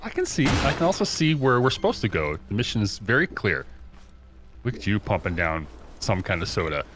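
A man's voice: fairly low pitch, very animated, brisk, noisy background. A man playing a co-op survival game as a guest, giggly, puzzled and easily amused. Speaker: co-op guest player. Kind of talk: casual let's-play banter.

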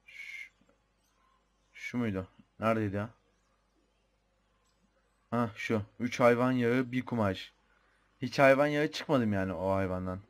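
Taking long pauses, a young man with a Turkish accent offers unhurried, mid-range commentary on the game he's playing. He chats and thinks out loud, now and then muttering a mild swear word.

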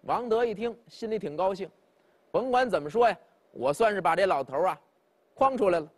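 A man's voice: high voice, expressive, a little fast. A man performing traditional Chinese storytelling, chatting directly with his listeners as he narrates. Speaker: pingshu storyteller.

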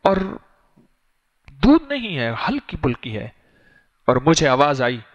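Male preacher, somewhat high voice, slow chanted prayers, muffled lo-fi sound. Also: wildly swooping pitch. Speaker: religious teacher. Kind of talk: sermon.

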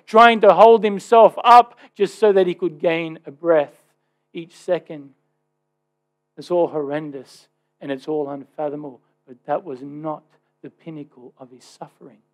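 A man preaching a sermon in church, moving from loud emphatic lines to quiet hushed ones. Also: on the high side. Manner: dramatic, swings from loud to hushed.

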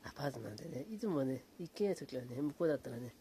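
Late at night in a small apartment room, a man chats in a hushed, low-volume voice, mellow and unhurried, drifting from greeting viewers into relaxed, rambling talk full of fillers like うん. A faint hiss runs beneath his voice.

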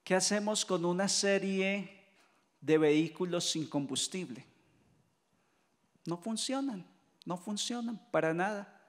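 High-voiced Colombian priest preaching in a reverberant hall. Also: male voice, slow, long pauses. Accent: Colombian Spanish. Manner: lively storytelling preacher who mimics voices and jokes. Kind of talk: retreat sermon.

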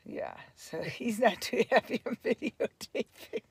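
A woman's voice: a little high, animated, a little slow, vocal fry, slightly rough, no echo. A woman in her fifties chatting casually to her phone camera while camping in a van, laughing often. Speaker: vlogger. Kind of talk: casual travel vlog. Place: camp van and forest campsite. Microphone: phone at arm's length.

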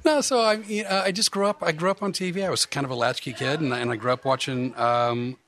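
A man's voice: medium pitch, fairly even intonation, quick pace, a bit bright. A man who works as a comedian hypnotist, chatting as a podcast guest in a joking, self-deprecating way with many restarts. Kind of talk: casual podcast chat.

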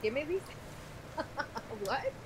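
A woman's voice: high-pitched, huge pitch swings, slow pace, noisy background. A young woman streaming a game with a friend, laughing and swearing playfully in casual chat.

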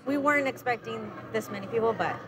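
Chirpy high-voiced pageant mom. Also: female voice, fast talker, crowd noise. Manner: chirpy and encouraging.

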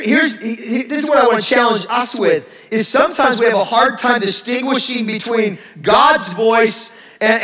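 Male pastor in his middle years, high bright delivery, joking and animated, echoey sanctuary sound. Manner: animated, joking, acts out sarcastic voices. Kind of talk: lively sermon. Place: church sanctuary.

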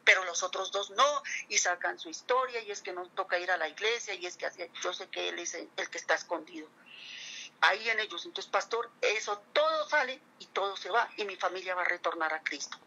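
A woman's voice: fairly low pitch, brisk, pushed and bright, lo-fi sound. A middle-aged woman giving an earnest, emotional religious testimony to a pastor, addressing him again and again as she speaks.

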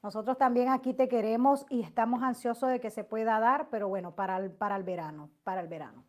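A middle-aged woman hosting a live stream, reading out viewer messages and answering them in a loud, emotive, long-winded way. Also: on the high side, fast. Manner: loud, emotive, talks at length. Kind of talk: casual live chat.

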